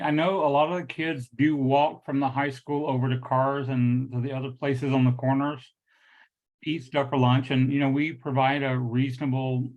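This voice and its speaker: At a public meeting, a liquor store owner in his late fifties gives earnest, unscripted remarks in a medium-pitched voice, speaking firmly but wandering from point to point. New dental implants make his articulation slightly awkward. The meeting audio is dull, muffled and lo-fi.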